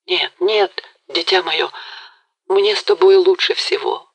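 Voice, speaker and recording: A woman's voice: on the low side, takes it slowly, husky, no echo, heavily acted, low-quality recording. A woman voicing a passionate young man who speaks fervently and makes vows in an audiobook. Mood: ardent. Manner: fervent, vowing. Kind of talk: audiobook character reading.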